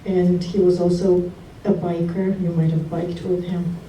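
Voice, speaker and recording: A woman from Russia speaks a heartfelt eulogy in a very mellow, dark voice, pausing often. She sounds far from the microphone in a roomy hall, with a faint hiss underneath. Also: fairly low pitch, level tone. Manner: heartfelt, halting, with pauses. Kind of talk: memorial tribute speech. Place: memorial gathering hall.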